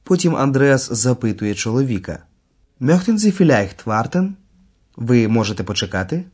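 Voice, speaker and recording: A man narrating a scripted radio language lesson, explaining scenes clearly. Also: mid-range voice, very animated, moderate pace, darkish tone. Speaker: course narrator.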